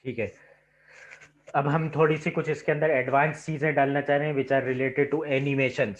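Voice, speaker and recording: A man's voice: medium pitch, flat delivery, moderate pace. A man teaching a computer lab over a video call, explaining step by step and checking in with "ठीक है" at every turn. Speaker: lab instructor. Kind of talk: online lab lecture. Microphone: computer mic on a video call. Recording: slightly dull online class audio.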